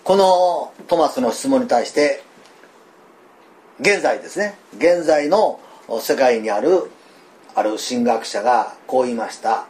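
An older man with a Kansai accent, preaching a sermon in a folksy, animated way, full of fillers and asides. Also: mid-range voice, a little slow. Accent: Kansai (Osaka dialect). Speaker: pastor.

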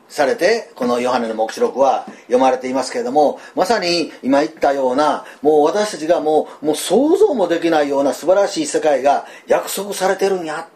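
An older man with a Kansai accent, preaching a sermon in a folksy, animated way, full of fillers and asides. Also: mid-range voice. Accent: Kansai (Osaka dialect). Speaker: pastor.

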